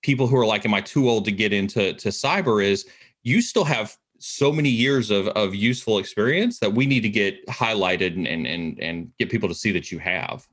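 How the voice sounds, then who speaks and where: A man's voice: on the low side, animated, moderate pace. A man speaking as the guest expert in a casual interview, talking enthusiastically and often repeating words as he starts a thought.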